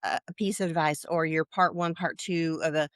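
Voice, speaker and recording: A woman in her sixties, interviewed as a client, talking in a halting way with many fillers and restarts. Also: low-pitched, steady tone, dry recording, clean studio sound. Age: 60s. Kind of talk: casual interview.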